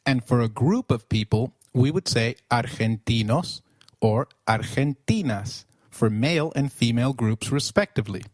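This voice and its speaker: A man with a medium-pitched voice reads a beginner language lesson from a script, upbeat and encouraging, slowing down whenever he models a word for the listener. The recording is close and dry, with no room sound around it. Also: animated, no echo. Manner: upbeat, slows down to model words. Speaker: language teacher.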